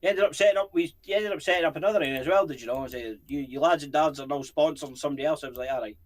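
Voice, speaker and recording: A man's voice: fairly high pitch, very fast. Scottish male co-host, rambling casual banter, salty and jokey. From Scotland. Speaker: co-host of a paranormal channel. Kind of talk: casual chat.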